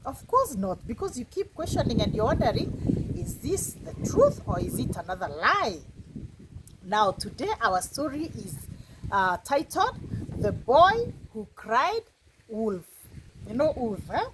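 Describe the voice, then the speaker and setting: A woman telling a children's moral story, her fairly high voice rising and falling with great life. She is engaging and keeps turning to her listeners with questions. A faint hiss sits behind her. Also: takes it slowly. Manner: expressive, engaging, asks the audience questions. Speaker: teacher, storyteller.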